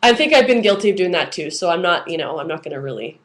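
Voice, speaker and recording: A woman's voice: lowish voice, big pitch swings, quick pace. A young woman ranting casually about everyday annoyances in an exasperated, conversational and emphatic way. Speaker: vlogger.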